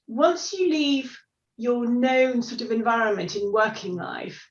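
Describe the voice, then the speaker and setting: A woman's voice: fairly high pitch, expressive, measured pace. A woman in her sixties, a guest speaking in a chatty, encouraging way with lots of "sort of" and "you know". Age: 60s. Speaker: guest, unretirement expert. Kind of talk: casual interview chat. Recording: roomy, distant, dull-sounding audio.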